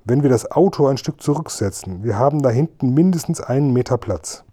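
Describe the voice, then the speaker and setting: A pompous, bumbling village police sergeant, as a man voices him in a storybook reading. He blusters with self-important authority in a warm, mellow tone. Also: mid-range voice, animated, fairly quick, lightly acted. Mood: blustering.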